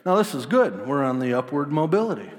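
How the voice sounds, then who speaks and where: A man in his thirties preaching a sermon as pastor, animated, acting out the voices of the people in the story. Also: on the high side, fairly quick, long reverb tail. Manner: animated, acts out voices of disciples.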